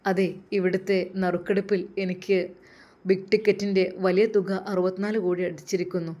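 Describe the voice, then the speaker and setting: A woman's voice: mid-range voice, little pitch movement, brisk, warm tone, muffled recording, lightly acted. A woman voicing an earnest young man, a worker in the Gulf, in a told story. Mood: excited. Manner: earnest, prayerful.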